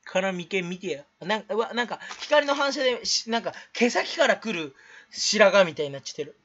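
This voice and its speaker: A man's voice: high voice, animated, a little fast, fairly bright tone. A man rambling jokingly to camera in a vlog, putting on a fake Kansai dialect, in a dull lo-fi recording. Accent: put-on Kansai dialect. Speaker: YouTuber. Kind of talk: casual solo vlog.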